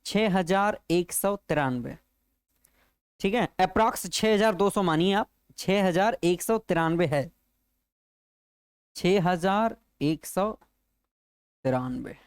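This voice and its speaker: A man's voice: high-pitched, clean tone, no room sound, clean studio sound. A male teacher giving an exam-prep geography lesson, repeating each point and turning it into a question for his students. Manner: slow, repetitive explaining.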